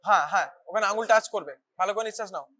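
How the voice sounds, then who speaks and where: A clinical teacher speaking quickly and briskly at a bedside demonstration. The voice sits at a middle pitch and moves along at a fast clip, giving short step-by-step instructions to students. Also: bright, forceful tone, slight background noise. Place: hospital teaching ward.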